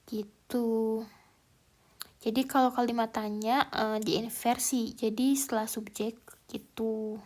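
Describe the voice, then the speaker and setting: A woman's voice: fairly high pitch, level tone, takes it slowly, long pauses, darkish tone. A woman teaching a language lesson in a casual, explanatory way, hesitant and thinking aloud with many fillers. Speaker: German language tutor.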